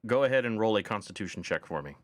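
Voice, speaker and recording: A man running a tabletop game as game master, joking and relaxed, sometimes stumbling over words. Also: on the low side, very fast. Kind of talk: casual game hosting.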